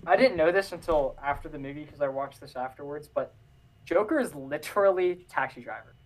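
Animated young man in a casual chat. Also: on the high side, a little fast. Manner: animated, jokey, trips over words. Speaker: podcast co-host.

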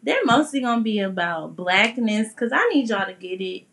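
A woman's voice: medium pitch, lively intonation, normal speed, fairly bright tone, a little hiss or hum. A young woman co-hosting a podcast, chatting casually in a teasing, slangy way. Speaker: podcast co-host. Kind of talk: casual chat.

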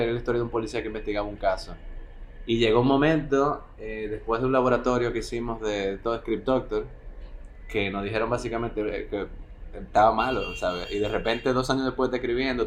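A man from the Dominican Republic with a Dominican Caribbean Spanish accent, explaining things reflectively and colloquially in an interview. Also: mid-range voice. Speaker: film director being interviewed. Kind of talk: conversational interview. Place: home, beside a street with motorbikes. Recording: clear street noise behind.

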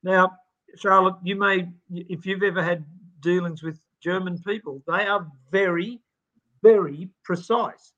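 A man with an Australian accent, a sales expert guest on a podcast, answering in a lively conversational way with filler ums and restarts. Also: sits high, a little slow, highs cut off. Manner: animated storyteller with filler ums.

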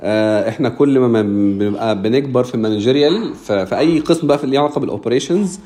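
A man's voice: medium pitch, very fast, mellow. A man with an Egyptian Arabic accent, hosting a casual discussion and mixing English business terms into his speech. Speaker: host of a live audio discussion.

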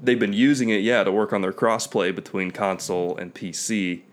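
A young man in casual gaming chat, relaxed and rambling, laughing often. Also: lowish voice, moderate pace.

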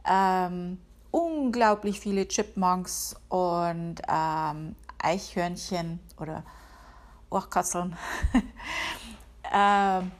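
A woman from the Upper Palatinate, hosting her own podcast from home in a chatty, self-ironic way. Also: fairly low pitch. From Upper Palatinate, Bavaria, Germany. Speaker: podcast host. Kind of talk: casual solo podcast monologue. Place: home, working from home.

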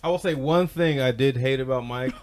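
A man's voice: medium pitch, brisk, darkish tone, a little hiss or hum. A man guest in a casual podcast chat, telling a story with plenty of swearing and mock exasperation.

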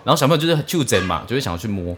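A man co-hosting a casual chat, animated and prone to loud laughter. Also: mid-range voice, very fast, slight background noise.

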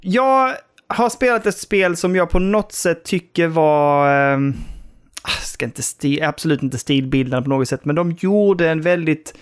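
Thoughtful man, slightly high voice. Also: animated, smooth. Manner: thoughtful, hesitant, many restarts. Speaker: podcast co-host. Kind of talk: casual chat.

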